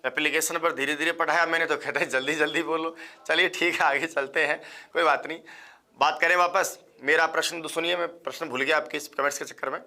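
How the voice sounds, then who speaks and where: A man teaching a live online class, quizzing listeners and repeating questions and answers in a fast, chatty way. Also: on the high side, steady tone, bright, forceful tone. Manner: fast-paced, chatty, addresses viewers as friends. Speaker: Sanskrit exam teacher.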